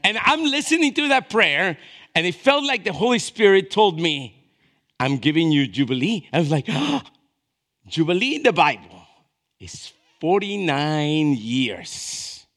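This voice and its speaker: Very animated and a little slow, this fifties-aged pastor speaks in a voice unusually high for a man. He tells his sermon like a story, pausing for quick check-in questions and swinging between hushed remarks and raised, dramatic moments.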